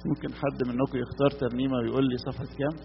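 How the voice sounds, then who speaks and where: A man's voice: mid-range voice, level tone, racing, creaky. A man with an Egyptian Arabic accent giving a sermon, asking the audience questions and then answering them himself. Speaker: preacher. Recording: long hall reverb, dull lo-fi sound with faint hum.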